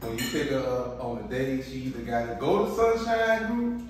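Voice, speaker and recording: A man's voice: mid-range voice, sing-song, normal speed. Teasing man chatting at breakfast. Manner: playful, teasing, rambling banter with restarts. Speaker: husband and co-host of a family vlog. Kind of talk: casual chat to camera. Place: home, at the breakfast table. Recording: roomy echo, distant mic, faint noise.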